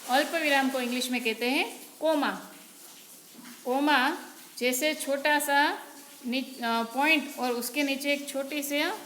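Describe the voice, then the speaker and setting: A woman's voice: high-pitched, steady tone, slow, a bit bright. A woman teacher from Gujarat explaining Hindi grammar patiently, step by step, in a lesson. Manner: patient, explains step by step, often says "barabar". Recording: echoey room with faint noise.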